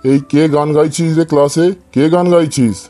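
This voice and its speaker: In a Bengali comedy cartoon, a man plays an exasperated village schoolteacher scolding his cheeky pupils with stern questions, theatrical and threatening. His natural voice is fairly high with a dark tone, fairly even intonation and normal speed, and faint music sits behind him.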